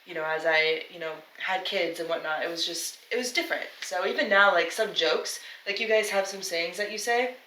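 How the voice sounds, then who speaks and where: A woman who grew up in Peru, speaking as a podcast guest with a bright, forceful voice. She tells her story bluntly and candidly, sitting a little off the mic in an echoey room. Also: lowish voice, a little fast, few pauses, far from the mic, slight background noise. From grew up in Peru, born in the US. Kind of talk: casual chat.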